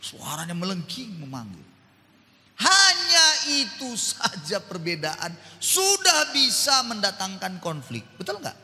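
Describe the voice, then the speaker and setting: A man with a Batak accent preaching a sermon as a pastor, swinging from quiet asides to loud exclamations. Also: high-pitched, huge pitch swings, measured pace. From North Sumatra. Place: church hall. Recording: reverberant church hall.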